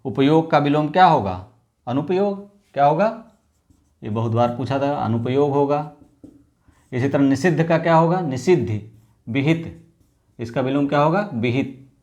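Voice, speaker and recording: Man, exam-prep teacher, mid-pitched, asks and answers himself, repeats key words. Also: expressive, normal speed, pauses often, a little mellow, dull audio.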